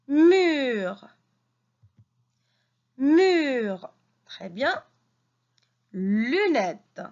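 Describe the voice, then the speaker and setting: A woman teacher leads young children through a reading lesson. She speaks very slowly and lifts her voice in lively swoops of pitch as she praises them and has them repeat after her. The recording sounds a little dull and lo-fi. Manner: slow, clearly articulated, encouraging.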